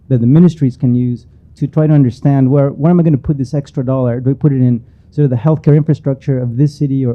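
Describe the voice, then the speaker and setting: Guy on a summit panel, lots of uhs, kinda muffled audio. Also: mid-range voice. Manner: hesitant, many "uh" fillers. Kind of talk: panel discussion.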